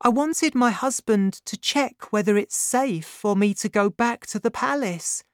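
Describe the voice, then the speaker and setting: A woman voicing a frightened young woman who pleads in a high, strained voice. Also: unhurried, no room sound, clean studio sound, natural voice. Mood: earnest.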